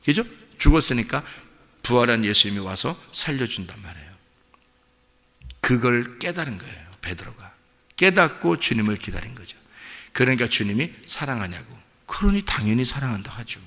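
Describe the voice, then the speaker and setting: A man preaching a dawn sermon as pastor, animated, asking the congregation questions and acting out the people he speaks of. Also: mid-range voice, normal speed, long reverb tail. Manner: animated preaching, acts out voices, asks the congregation.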